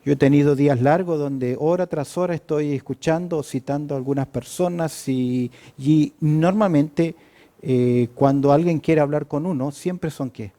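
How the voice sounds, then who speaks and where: A male pastor preaching a sermon, often asking questions and answering them himself, with sudden loud emphasis. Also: on the high side, normal speed. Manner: rhetorical questions answered himself, frequent fillers.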